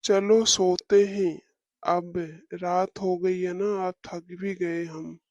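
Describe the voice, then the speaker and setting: A kindly cartoon father coaxes and soothes his family in a mellow, soft voice, as a woman acts him out. His tone is patient and reassuring. The recording is dull, dry and a little muffled. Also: lowish voice, level tone, takes it slowly, no echo. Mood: calm. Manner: soothing, coaxing. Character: gentle father of two, soothing.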